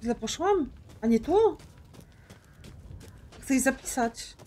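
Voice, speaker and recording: A gaming streamer chats casually with viewers while playing, often confused about where to go in her let's play. Her high-pitched, expressive voice is slow and dark in tone.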